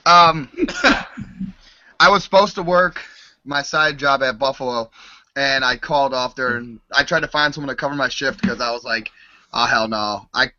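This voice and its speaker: A man's voice: medium pitch, moderate pace, pushed and bright, no room sound, dull audio. A man on a podcast panel telling casual personal anecdotes in a conversational way.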